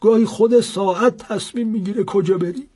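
A mysterious old clock seller with a teasing streak, put on by a man telling a story. He speaks slowly and in a drawn-out way, a little higher than the teller's own voice. The tone is husky. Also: dark tone. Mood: knowing. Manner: slow, drawn-out, knowing.

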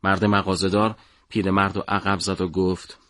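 A man narrating a story for an audiobook in a measured, dramatic way. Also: low-pitched, flat delivery, fairly bright tone, no room sound.

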